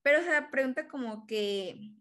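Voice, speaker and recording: A woman in casual chat, talkative, with quick asides and frequent laughter. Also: high voice, a bit bright.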